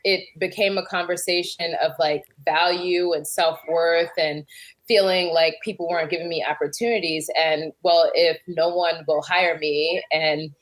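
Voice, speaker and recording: A woman's voice: fairly low pitch, fairly even intonation, normal speed, low-quality recording. A woman in her thirties, a guest on a podcast, talking in a chatty, candid way and laughing often. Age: 30s. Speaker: podcast guest, joy strategist. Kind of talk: casual interview talk.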